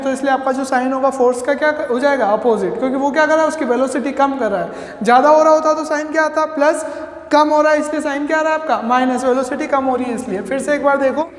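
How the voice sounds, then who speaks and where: A woman physics teacher working through a problem step by step, asking the class questions and answering them herself, and reading the English problem text slowly. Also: high voice. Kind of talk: step-by-step lecture solving a problem. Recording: echoey room with long reverb.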